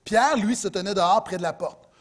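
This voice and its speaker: A middle-aged man with a Quebec French accent preaching a sermon as pastor, animated, swinging between loud emphasis and soft asides. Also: high voice, fairly quick.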